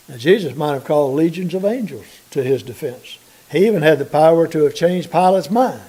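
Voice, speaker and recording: An American man preaching a sermon, reading scripture aloud and slowing down deliberately to stress key points. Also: on the high side, mellow, low-quality recording. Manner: deliberate, slows for emphasis, reads scripture aloud.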